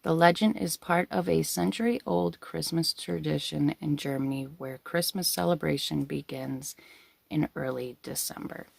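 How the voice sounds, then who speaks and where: A woman's voice: sits low, measured pace, creaky, breathy edge, dry recording. A woman hosting a casual storytelling video, giggly and rambling as she talks to her viewers. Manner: giggly, breaking into laughter while talking.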